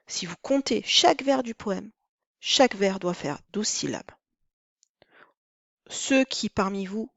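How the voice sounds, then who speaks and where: A woman teaching a lesson on counting the syllables of verse, with a clear, deliberate delivery. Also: mid-range voice, dry recording, dull audio. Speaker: French teacher. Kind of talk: recorded lesson.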